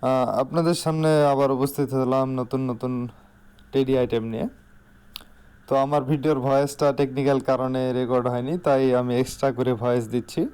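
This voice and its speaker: A man's voice: mid-range voice, fairly even intonation, brisk, a little mellow, clear, resonant tone. A man with a Bangladeshi accent giving an informal salesman's product showcase in voice-over, repeating key phrases for emphasis. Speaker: shop salesman.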